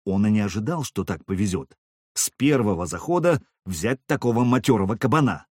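A man reading a novel aloud as a narrator with expressive, lively storytelling. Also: lowish voice, brisk, husky, dry recording, studio quality. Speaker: audiobook narrator. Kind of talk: scripted narration.

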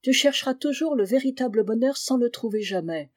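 A woman's voice: on the high side, animated, fairly quick, no room sound, studio quality, voice pushed up. A woman voicing a stern village schoolmaster lecturing a pupil. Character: stern moralizing village schoolmaster, older man.

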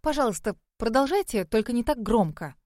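A woman narrator voices a composed female teacher in a library. She speaks calmly and firmly, in a measured way. The reading is dry and close. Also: a little high, no room sound, natural voice. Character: calm female librarian teacher, dryly curious.

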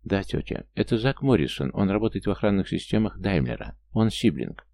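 A man's voice: fairly low pitch, animated, fairly quick, vocal fry, warm tone. A man voicing a playful, scheming young woman in an audiobook. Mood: bright.

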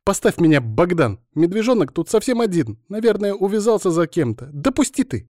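A man voicing Alina, a stubborn, tipsy young woman with a shrill, petulant manner, as a character in an audiobook. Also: sing-song, fairly quick, a little mellow, no echo, clean studio sound. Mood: indignant.

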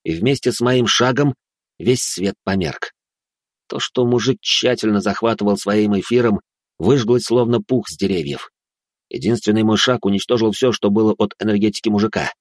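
A man narrating a first-person fantasy audiobook in a steady, dramatic reading style. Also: on the low side, normal speed, dry recording, clean studio sound.

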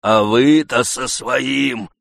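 A man voicing a grumpy old male servant who wheezes hoarsely and scolds hotly. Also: mid-range voice, dry recording, clean studio sound, voice pushed up, exaggerated voice. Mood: boastful. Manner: heated, scolding, quick to shout.

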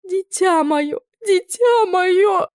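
A woman voicing a frantic, tearful middle-aged aunt, with a high, wailing delivery. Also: drawn-out words, a little mellow, dry recording, clean studio sound, full character voice. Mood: sobbing.

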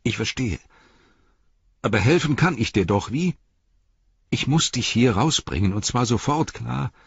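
A man's voice: medium pitch, expressive, a little slow, vocal fry, husky, no room sound, exaggerated voice. A man reading an audiobook, voicing a loyal, plain-spoken male hobbit servant who talks earnestly and reassuringly, in a dull, dry recording. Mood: determined.

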